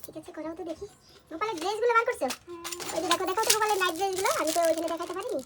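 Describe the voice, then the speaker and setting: A woman with a very high, bright-pitched voice chatters at top speed, pointing things out to her viewers. It is a casual home video, with clear noise in the background. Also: very fast. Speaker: vlogger. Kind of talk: casual vlog narration.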